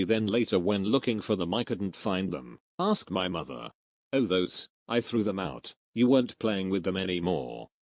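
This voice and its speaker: A man narrating online posts in a steady, even scripted reading with no fillers. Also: lowish voice, dry recording, studio quality.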